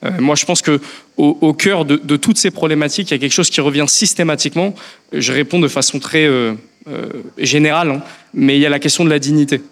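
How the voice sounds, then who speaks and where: A man's voice: a little high, fast, big-room sound. A man who is a member of parliament, answering questions in a political discussion, thoughtful and hesitant with many restarts.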